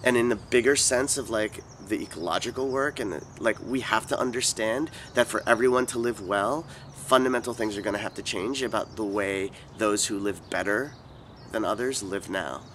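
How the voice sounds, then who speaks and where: Recorded outside in a city with street noise clearly audible, this activist is a Californian man in his forties whose fairly low voice has a bit of brightness. In the interview he answers thoughtfully but haltingly, frequently breaking off and restarting sentences.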